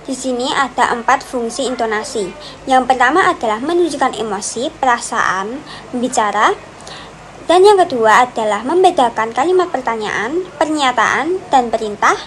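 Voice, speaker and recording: A young woman, a student presenter, gives a class presentation in a high voice, reading steadily through numbered points joined by repeated "dan yang kedua" connectors. The recording is low quality, with faint background noise.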